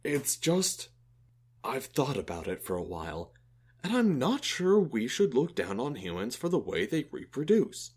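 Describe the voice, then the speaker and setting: A man's voice: medium pitch, measured pace, slightly rough, exaggerated voice. A man voicing a thoughtful male alien who befriended a human, explaining things earnestly in an audio drama. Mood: musing. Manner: earnest, explanatory, lively intonation.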